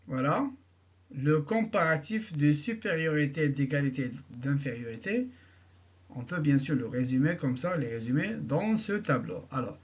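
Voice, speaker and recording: A man teaching an English grammar lesson, repeating each example sentence slowly and answering his own questions. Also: on the high side, highs cut off.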